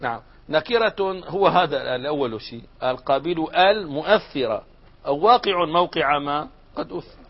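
Male grammar teacher, slightly high voice, quizzing his class in a dull lo-fi lecture recording. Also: lively intonation, normal speed, slightly rough. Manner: asks the class questions and answers them, mixing formal Arabic with colloquial. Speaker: sheikh teaching Arabic grammar.

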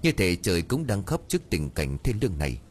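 A deep-voiced man reads a dramatic audiobook story with lively, rising and falling intonation. A faint background noise sits under his voice. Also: fairly quick. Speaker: narrator. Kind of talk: scripted audiobook narration.

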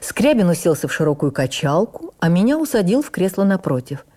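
Playing a stage actress recalling her younger days, an actress gives a radio memoir reading full of reflective admiration. She speaks at a fairly low pitch, her delivery deliberate, literary, and dramatically expressive.

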